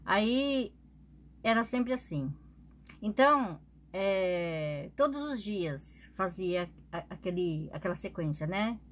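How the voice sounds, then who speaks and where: A woman's voice: medium pitch, lively intonation, slow pace. A woman vlogger telling a personal story in a casual, chatty way, often adding little tag questions.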